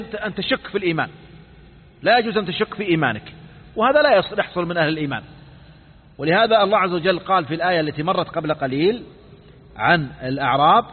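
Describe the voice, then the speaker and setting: A man teaching a creed lesson, asking the class quick check questions and restarting phrases with false starts. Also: high-pitched, husky. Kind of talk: recorded religious lesson. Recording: tinny phone-like audio with hall reverb.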